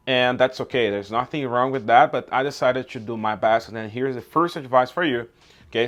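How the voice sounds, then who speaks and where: With a mid-range voice, a man from Brazil hosts his YouTube channel outdoors in a relaxed, informal way. Portuguese is his first language, and he frequently checks in with "okay?" and "right?"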